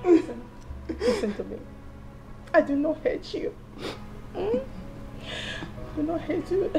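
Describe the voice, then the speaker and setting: A woman's voice: very high voice, sing-song, slow pace, vocal fry, a little mellow, soft background music, heavily acted. A woman with a Nigerian accent playing a middle-aged mother-in-law who scolds hard with jabbing "Eh?"s yet is torn, in a film. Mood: pleading tenderly. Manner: scolding, repeats "Eh?" as a jab. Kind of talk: Nollywood film acting.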